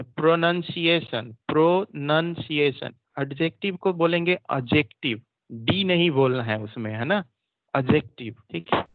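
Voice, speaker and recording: A male teacher giving an online grammar class, repeating and drilling terms and asking quick questions. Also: a little high, gravelly, no echo. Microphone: computer mic, online class. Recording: dry, dull lo-fi online audio.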